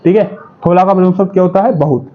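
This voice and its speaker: Male exam-prep tutor, high voice, drilling by call and answer, dull lo-fi recording. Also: rapid-fire. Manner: repeats questions and answers them himself, says "ठीक है" often. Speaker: exam-prep Hindi teacher. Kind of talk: classroom-style lesson. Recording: dull lo-fi sound.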